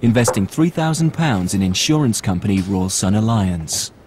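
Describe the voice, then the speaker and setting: A man giving measured, matter-of-fact scripted documentary narration. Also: on the low side, animated, background noise. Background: music.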